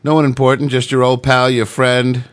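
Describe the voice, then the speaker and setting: A man's voice: medium pitch, little pitch movement, moderate pace. Man hosting a joking radio show. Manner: playful, rambling, mock-grandiose. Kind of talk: comedic internet radio hosting.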